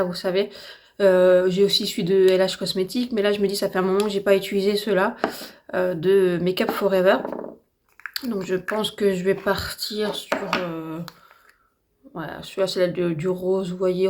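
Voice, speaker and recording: Woman, French accent, slightly hoarse, chatty beauty vlogger, enthusiastic, filler-heavy. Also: medium pitch, darkish tone, a little hiss or hum. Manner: chatty, enthusiastic, repeats herself with many fillers. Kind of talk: casual get-ready-with-me makeup chat.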